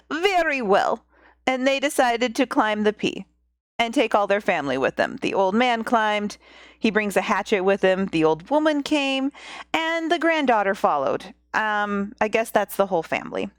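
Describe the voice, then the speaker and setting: A woman's voice: medium pitch, big pitch swings, normal speed, dry recording, studio quality. A woman hosting a podcast, retelling a fairy tale in a chatty, jokey way with asides. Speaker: podcast host and storyteller. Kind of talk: casual storytelling with asides.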